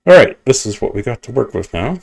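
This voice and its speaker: A man's voice: medium pitch, very animated, brisk, creaky. A man streaming himself playing a game, chatting casually and rambling, mocking himself and muttering asides as he plays at his computer. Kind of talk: casual gameplay commentary.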